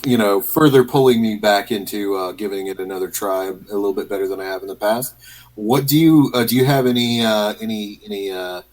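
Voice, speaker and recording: Easygoing low-voiced man. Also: fairly quick, darkish tone, low-quality recording. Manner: easygoing, frequent short agreement. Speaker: podcast co-host. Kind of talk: casual chat.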